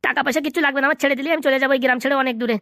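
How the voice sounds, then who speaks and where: A woman's voice: high voice, fairly even intonation, very fast, a bit bright, no room sound, studio quality. A woman voicing a humbled young male captive in a cartoon comedy dub, begging and eager to please. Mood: pleading.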